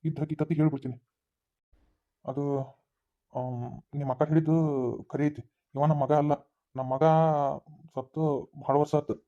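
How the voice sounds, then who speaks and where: A man playing a sad village father in a cartoon, with a North Karnataka accent, speaking slowly. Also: a little high, natural voice. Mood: sorrowful. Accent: North Karnataka Kannada. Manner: slow, flat and sorrowful. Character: middle-aged village father, sad and confessing. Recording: tinny phone-like sound.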